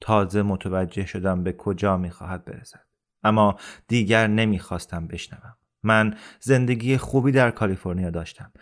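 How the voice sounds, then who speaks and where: A man narrating a novel as an audiobook reader, reading in a measured, steady way. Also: fairly low pitch.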